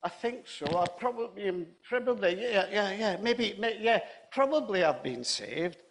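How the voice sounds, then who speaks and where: A man voicing a confused elderly gentleman just woken from sleep, stammering and vague. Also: high voice, lively intonation, moderate pace, vocal fry, pitched above the performer's own voice. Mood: unsure.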